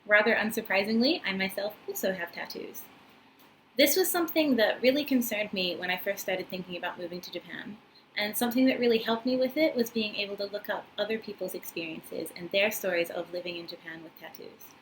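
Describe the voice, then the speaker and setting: Recorded close up in a small indoor room with a wooden floor and paper screens, a young woman in her twenties, a New Zealand-accented vlogger teaching English in Japan, chats casually to the camera with lots of ums and uhs. Her voice is mid-range and brisk. The recording is rough, with a little hiss or hum.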